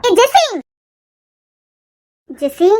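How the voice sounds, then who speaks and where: Cartoon friend: woman doing a blunt, protective young woman, Kanyakumari Tamil accent, scolding, very high voice. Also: huge pitch swings, extremely slow, background noise, exaggerated voice. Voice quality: very high-pitched. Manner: scolding, incredulous. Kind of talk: cartoon serial voice acting.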